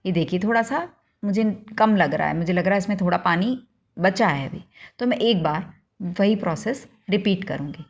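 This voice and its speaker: A woman's voice: mid-range voice, animated, normal speed, creaky. A woman hosting a home cooking demonstration, explaining each step to viewers in a homely, instructive way. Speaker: cooking channel host.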